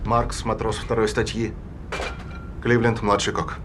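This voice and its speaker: An actor playing a sombre ship's officer giving subdued, matter-of-fact reports in a dubbed war film. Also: male voice, lowish voice, flat delivery, a little slow, noisy background, close to an everyday voice. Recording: loud film soundtrack.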